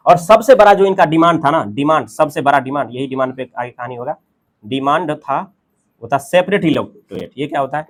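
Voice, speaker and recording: A man with an Indian English accent and a somewhat high, animated voice teaches a class. He reads English passages slowly, then explains them in Hindi using everyday examples.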